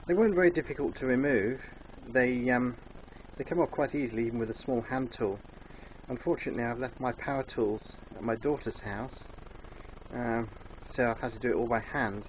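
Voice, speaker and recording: Older man with a thick sore-throat voice. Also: medium pitch. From England. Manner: hesitant, unhurried, halting. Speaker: DIY van converter presenting. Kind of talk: casual hands-on vlog narration. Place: in and around a van. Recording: dull muffled sound, background vehicle noise.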